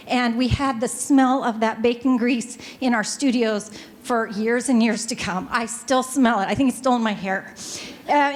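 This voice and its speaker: Chatty fast-talking woman on a panel. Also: high-pitched. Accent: Pacific Northwest American. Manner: chatty and fast, joking with the audience. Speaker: panelist, music store owner. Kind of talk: panel talk to a live audience. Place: hotel ballroom. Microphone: handheld microphone.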